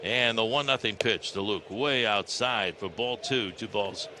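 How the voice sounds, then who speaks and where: This is an American radio announcer doing live baseball play-by-play, his voice fairly low and unhurried. The broadcast from the ballpark is clearly noisy.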